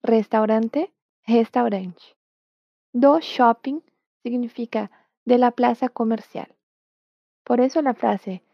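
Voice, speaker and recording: Slow, patient woman teacher. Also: on the high side, gravelly, no room sound. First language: Portuguese. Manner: patient, models words slowly for the learner to repeat. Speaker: Portuguese teacher. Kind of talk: language lesson. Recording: dull, dry, lo-fi sound.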